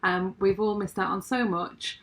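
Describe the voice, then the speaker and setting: A woman's voice: medium pitch, little pitch movement, moderate pace. A woman co-hosting a podcast, talking in a thoughtful, chatty way with plenty of small fillers. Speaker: podcast co-host. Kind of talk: casual podcast chat.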